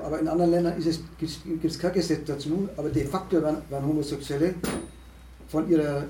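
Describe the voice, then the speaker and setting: A man holding forth in a discussion, halting and restarting often, with emphatic rises. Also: a little high, warm tone. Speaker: speaker at a discussion on asylum. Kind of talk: lecturing discussion talk. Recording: echoey room, distant mic, faint noise.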